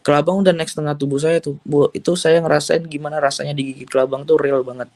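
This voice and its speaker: A man with a fairly high voice tells his story as an interviewee, earnest and rambling, leaning on casual fillers and slipping in English phrases. The sound is dry and close, with no room in it. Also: level tone, fast, gravelly, darkish tone, dry recording. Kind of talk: emotional personal testimony.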